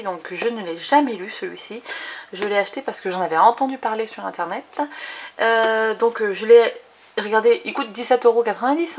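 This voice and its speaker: Casting: French woman vlogger, chatty, mid-pitch, lots of hesitations. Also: a little hiss or hum. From France. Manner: chatty, lots of fillers and restarts. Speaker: book vlogger. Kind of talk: casual book haul chat.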